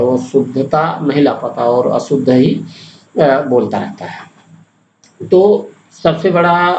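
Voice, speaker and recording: A man's voice: medium pitch, darkish tone, a little hiss or hum. A young man teaching a lesson on pronunciation, explaining point by point with spoken examples. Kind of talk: Hindi pronunciation lecture. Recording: echoey, dull lo-fi room sound.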